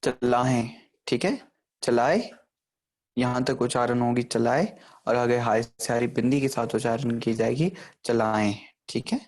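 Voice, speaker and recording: Man, lecturing, medium pitch, slow careful explanations. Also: steady tone, a little mellow. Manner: explains slowly, repeats words, often asks "theek hai". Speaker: Gurbani grammar teacher. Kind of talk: recorded lecture on pronunciation.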